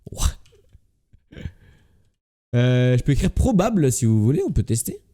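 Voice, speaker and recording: A man's voice: mid-range voice, big pitch swings, brisk, mellow. A man with a slight lisp on his s sounds, doing casual live game commentary as a streamer and muttering repeated word guesses to himself.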